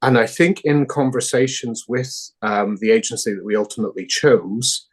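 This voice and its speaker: A man's voice: mid-range voice, normal speed, breathy edge. A man with a Northern Irish accent, a founding director answering interview questions thoughtfully, with hesitant fillers. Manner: thoughtful, many fillers and restarts.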